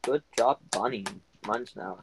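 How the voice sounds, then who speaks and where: A man's voice: mid-range voice, a little slow, background noise. A man chatting casually with friends while playing a game, teasing and laughing often. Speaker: gamer. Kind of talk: casual gaming voice chat.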